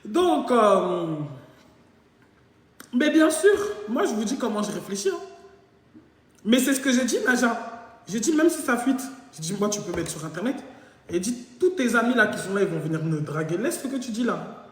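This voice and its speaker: A woman's voice: medium pitch, normal speed. Woman telling stories in an echoey room. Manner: animated, jokey, acts out both sides of dialogue. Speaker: live-stream host. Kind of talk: casual storytelling monologue. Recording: very echoey room with long reverb.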